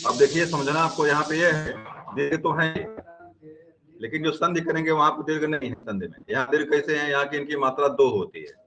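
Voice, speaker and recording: A man's voice: on the high side, fairly quick, music in the background, low-quality recording. A man teaching grammar in an online class, explaining step by step and often checking whether students have understood.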